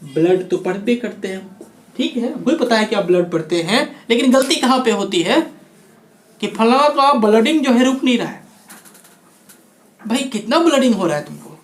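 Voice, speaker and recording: A man from India teaching spoken English pronunciation, lively, asking and answering his own questions. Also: very high-pitched, moderate pace. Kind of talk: spoken-English lesson in Hindi. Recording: echoey room.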